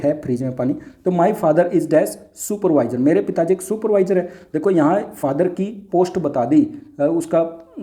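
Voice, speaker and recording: A man teaching an English grammar lesson, explaining step by step and answering his own questions, reading each example sentence slowly and drawn out. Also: a little high, dark tone. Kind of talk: classroom lesson.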